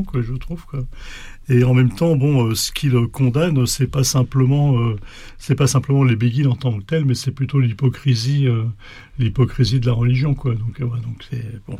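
A man's voice: mid-range voice, dark tone, no room sound. A man explaining medieval verse in casual talk, rambling, with many fillers and restarts. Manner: recites a poem in Esperanto in a rising, sing-song lilt. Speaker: guest explaining medieval poetry. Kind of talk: casual chat.

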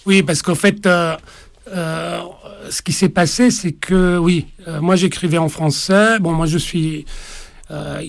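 Hesitant man in his forties, gravelly. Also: a little high, fairly even intonation, slow, no room sound. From Italy. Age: 40s. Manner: hesitant, many fillers and restarts. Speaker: author. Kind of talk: interview conversation.

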